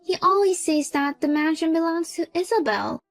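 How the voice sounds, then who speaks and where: A high-voiced, entitled young sister-in-law, played by a woman in a storybook drama. She talks in a smug, demanding way, as if everything is already hers. Soft music plays faintly underneath. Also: animated, moderate pace. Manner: smug, demanding, then pleading. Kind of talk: storybook character voice.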